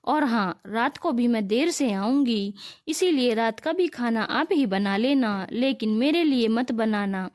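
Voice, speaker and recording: Woman reading a rude young bride in a storybook, snappy comebacks, fairly high voice. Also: animated, measured pace. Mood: snappish. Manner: sharp, snappish retorts. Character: hot-tempered young bride, rude to her mother-in-law.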